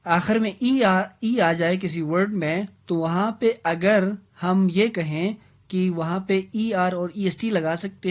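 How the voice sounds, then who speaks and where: A woman giving a grammar lecture, patiently drilling words by repeating them aloud syllable by syllable, checking in with "right?" and correcting herself as she goes. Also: medium pitch. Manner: corrects herself mid-sentence. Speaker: English grammar teacher.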